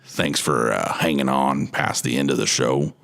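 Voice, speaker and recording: A gruff Old West outlaw drawls slowly and folksily, put on by a man. The voice sits far down, deep and rumbling. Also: a bit bright, full character voice.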